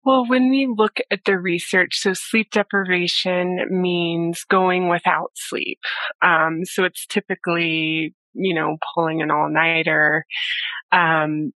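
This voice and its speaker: A woman sleep scientist, a guest in an interview, explaining research in a measured way with frequent pauses and "you know". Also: lowish voice, steady tone, bright, forceful tone, no echo, low-quality recording. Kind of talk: interview conversation.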